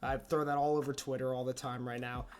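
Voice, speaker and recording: In a casual interview with a player for an esports team, a man talks quickly in a medium-pitched, level voice. He is upbeat and rambling in his questions, repeatedly saying "that's awesome."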